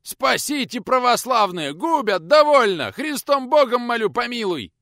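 A blustering bearded village craftsman sneers and whines in rough rustic speech, as a male narrator voices him. The voice climbs well above the reader's own, loud and strained. Close, dry recording. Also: very animated, measured pace, no echo, full character voice. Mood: shrill pleading. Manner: shrill, whining and threatening in rustic speech.

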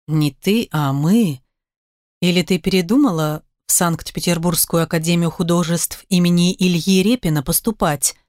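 A woman voicing an earnest young man in love, speaking softly and tenderly in a read-aloud story. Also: on the low side, moderate pace, no room sound, studio quality, close to an everyday voice.

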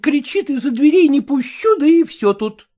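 A woman voicing an exasperated middle-aged mother who defends herself and tries to calm her husband, in an audiobook reading. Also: high voice, moderate pace. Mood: defensive. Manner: defensive, pleading.

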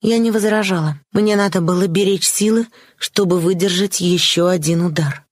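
A woman narrating a classic novel in the first person, steady and expressive. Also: lowish voice, moderate pace, no room sound, clean studio sound. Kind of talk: audiobook narration.

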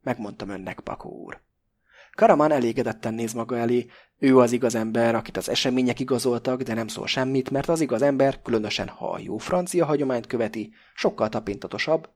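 A man with a medium-pitched voice narrates an audiobook, reading his scripted text in a measured, expressive style.

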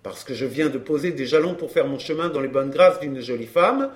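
A man's voice: medium pitch, expressive, fairly quick, natural voice. A man playing a brash, chatty flirt. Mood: glib. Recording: roomy echo.

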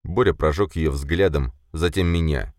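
A man narrating a first-person fantasy audiobook in a measured, expressive storytelling manner. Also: extremely low pitch, no room sound, clean studio sound.

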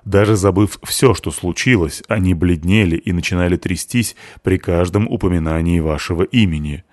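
A man's voice: low-pitched, a little mellow, no echo, studio quality, close to an everyday voice. A man voicing a formal police deputy. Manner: formal, measured. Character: methodical by-the-book male police deputy.

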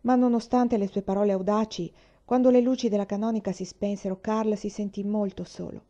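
Woman, storybook reader, mellow dark tone, dull lo-fi recording. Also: medium pitch, steady tone, brisk. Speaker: audiobook reader. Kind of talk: storybook reading.

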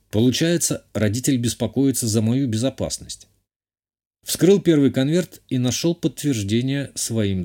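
Male audiobook reader, measured, even, mid-pitched, warm dark tone. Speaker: audiobook narrator. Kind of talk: scripted first-person narration.

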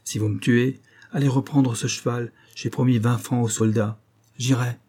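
A man's voice: mid-range voice, fairly even intonation, normal speed, dark tone, lightly acted. A man voicing a cold, proud young nobleman who speaks in a clipped, controlled way, in a storybook reading. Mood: curt.

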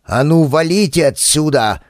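A man reading an audiobook, voicing a gruff old gardener who barks orders loudly. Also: medium pitch, big pitch swings, a little slow, no room sound, studio quality. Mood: commanding.

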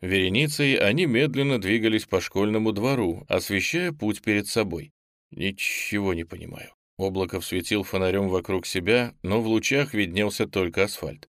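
A man with a low voice reads a novel aloud in steady, measured narration. The recording is dry and close, with no room sound. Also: no room sound. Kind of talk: audiobook narration.

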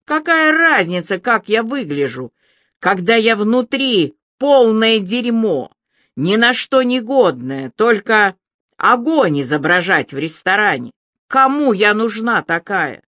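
A woman's voice: sing-song, takes it slowly, a bit bright, no echo. A reader voicing a drunk, hysterical young woman whose voice rings and strains. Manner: shrill, ringing and strained.

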